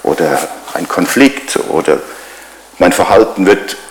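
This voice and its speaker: Middle-aged male pastor, lowish voice, chatty sermon full of rhetorical questions, roomy church sound. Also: lively intonation, a little slow. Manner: conversational, builds on repeated rhetorical questions.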